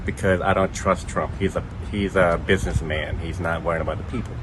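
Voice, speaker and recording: A man's voice: low-pitched, steady tone, a little fast, noisy background. A man in his forties from Cambodia, interviewed outdoors, speaking plainly and bluntly.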